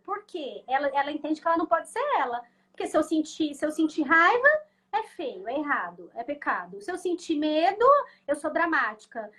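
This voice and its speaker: A woman's voice: high-pitched, a bit bright. A woman with a Brazilian Portuguese accent, a guest educator teaching conversationally, who often adds tag questions and acts out the voices she quotes. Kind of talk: conversational teaching in an online class.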